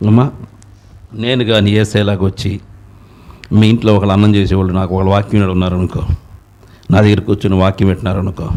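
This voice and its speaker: Impassioned Telugu-accented male preacher. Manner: impassioned, rising to loud high exhortations. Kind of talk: sermon.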